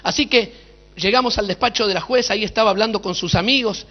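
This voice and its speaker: A man preaches in a very high, bright-toned voice, telling stories with flair and firing rhetorical questions at the crowd. His sermon rings through a big echoey hall, and the recording sounds dull and lo-fi. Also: fast, soft background music. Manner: dramatic storytelling, with sudden shouts and rhetorical questions. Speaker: pastor. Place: large hall at a conference.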